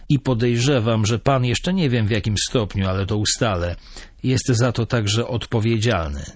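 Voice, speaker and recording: A man's voice: mid-range voice, no room sound, studio quality, natural voice. A man voicing a stern, cool-headed police officer who speaks firmly and coldly. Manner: firm, measured, cold.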